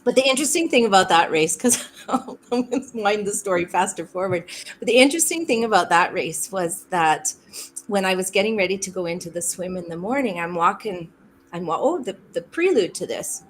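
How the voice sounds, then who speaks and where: Guest, woman from Saskatchewan; animated storyteller, mid-range voice, faint noise. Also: mid-range voice, a little fast, rough recording. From Saskatchewan, Canada. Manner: animated, laughing often, acts out quotes. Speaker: podcast guest. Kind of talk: storytelling in a conversation.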